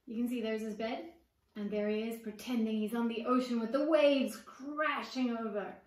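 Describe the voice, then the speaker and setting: In a room lined with bookshelves and plants, a children's author in her forties with a South African accent reads a storybook with expression, pausing for asides and questions to young listeners. Her voice is a little high at a moderate pace, recorded away from the mic with a roomy echo.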